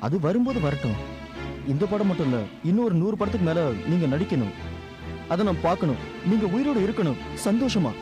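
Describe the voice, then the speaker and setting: Devoted caretaker begging softly, quick talker, music loud behind, dubbed movie. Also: male voice, high voice, very animated, dull audio. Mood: pleading. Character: devoted older male caretaker pleading tenderly. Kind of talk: dubbed film acting.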